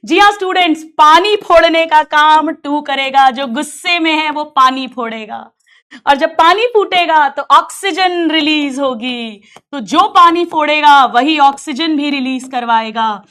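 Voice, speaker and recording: A woman with a high voice teaches a biology lesson to her students. She tells it as a lively story and turns the science into little arguments between characters. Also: unhurried. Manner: animated, acts out quarrels between characters, addresses students as beta. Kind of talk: storytelling lesson in Hindi with English terms.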